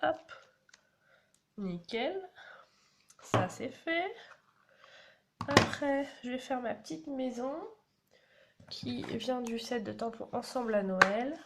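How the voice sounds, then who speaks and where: A woman's voice: a little high, expressive, slow pace, pauses often. A woman, chatting through a card-making tutorial and explaining each step as she works. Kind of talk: casual crafting tutorial. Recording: audible background noise.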